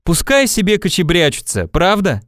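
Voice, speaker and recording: A man reading a storybook, voicing an eager, cheeky young village boy who talks excitedly. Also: sits high, moderate pace, no room sound, studio quality, voice pushed up. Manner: excited, shouting, giggly.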